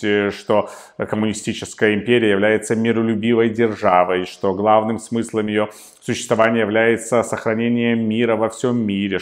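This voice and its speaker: A man delivering a solo political commentary in a measured way, pausing often with hesitation fillers. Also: on the low side.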